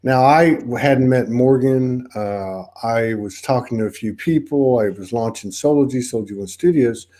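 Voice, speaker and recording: A Texan man with a mellow, mid-range voice hosts a podcast, running a casual spiritual interview over a video call. His speech comes in halting, rambling stretches full of restarts, colored by his Texas accent.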